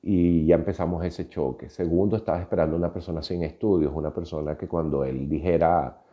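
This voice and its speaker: A Venezuelan podcast host in his fifties, with a Venezuelan Spanish accent, tells a personal story in a reflective monologue full of hesitations. His voice is low and steady, he speaks briskly, and the highs are cut off.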